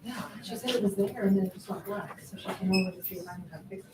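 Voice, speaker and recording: Fast-talking distant woman teacher. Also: mid-range voice. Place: school event room. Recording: echoey, distant, loud room noise.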